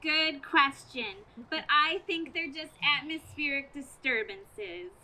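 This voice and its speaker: A woman playing a dithering, evasive astronomer in a comic stage radio play, halting and reciting by rote. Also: high voice, animated, sharp tone, exaggerated voice, poor audio. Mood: vague, reassuring. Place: outdoor stage performance.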